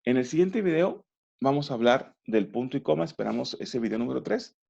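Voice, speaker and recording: A man teaching a remote grammar lesson, patient and methodical, pausing to ask if it's clear. His voice is dark and gravelly, heard through a dull, lo-fi recording. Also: medium pitch, animated. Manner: patient, explanatory, often checks understanding.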